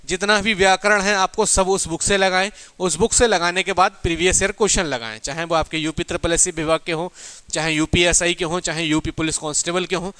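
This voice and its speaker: Students hear an informal motivational talk from their exam coach, a man whose voice is high-pitched and bright. He asks questions and answers them himself in an emphatic, colloquial way. The sound is smooth, with no room sound.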